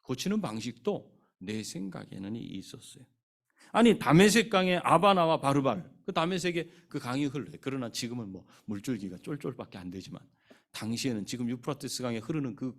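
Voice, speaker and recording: A man preaches a sermon from a church pulpit, his pitch rising and falling in a lively way. He keeps asking the congregation questions and acts out the scripture figures in their own voices. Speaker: pastor. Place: church sanctuary.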